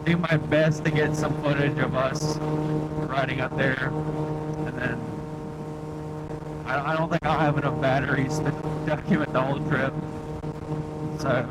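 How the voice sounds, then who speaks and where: A man vlogging from a moving motorcycle on a helmet mic, talking in a loose, halting, think-aloud way with wind on the mic. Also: medium pitch. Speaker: motovlogger narrating a ride. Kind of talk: casual rambling vlog chat. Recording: loud engine and wind noise on mic.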